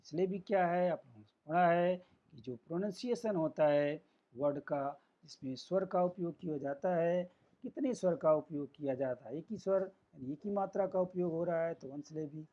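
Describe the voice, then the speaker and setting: A man teaching an English lesson, sounding out words slowly syllable by syllable. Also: on the high side. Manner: slow, syllable-by-syllable explaining. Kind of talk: classroom lesson. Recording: dull lo-fi recording.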